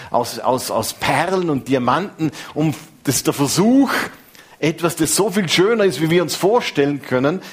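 A man, preaching a sermon in a lively, conversational way. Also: mid-range voice, slightly rough. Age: 50s.

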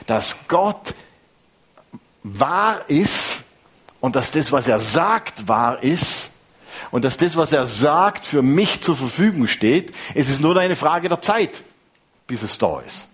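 Husky preacher in his fifties. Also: on the high side, takes it slowly. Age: 50s. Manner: conversational, lively preaching with restarts. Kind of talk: sermon.

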